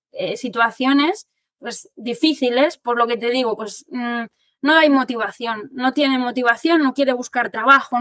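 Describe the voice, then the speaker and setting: A woman from Spain, an occupational therapist, explaining things to families in an animated, informal way and acting out what people say. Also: sits high, no echo. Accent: Spanish from Spain. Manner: animated, explanatory, acts out quotes. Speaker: occupational therapist giving a talk.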